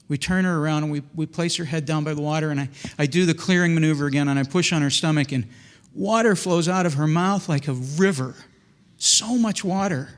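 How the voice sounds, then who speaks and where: A man with a slightly higher voice tells a heartfelt personal story. He speaks earnestly and haltingly, often restarting and repeating his words, like a middle-aged speaker giving a testimony. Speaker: storyteller recounting a personal faith experience.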